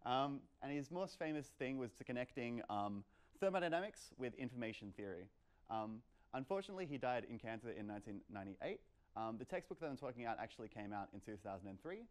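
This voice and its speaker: A young man with a medium-pitched, very animated voice talks at a quick pace, giving a playful, conversational meetup presentation full of "like" and "kind of." It's an informal live lecture with audience questions, held indoors in a medium-sized lecture room.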